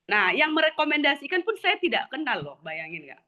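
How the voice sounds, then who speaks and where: Bright-voiced woman telling animated stories. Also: high voice, a little fast. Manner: animated storyteller, quoting others, laughing often. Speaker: product distributor sharing testimony. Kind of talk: testimonial sharing at a group meeting.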